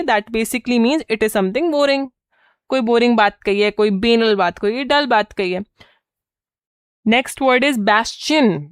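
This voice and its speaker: Indian woman teacher going over vocab words, bit high voice, dry close sound. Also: clear, resonant tone, dry recording. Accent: Indian English. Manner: explains in mixed Hindi and English, repeating key words. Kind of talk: exam-prep lesson.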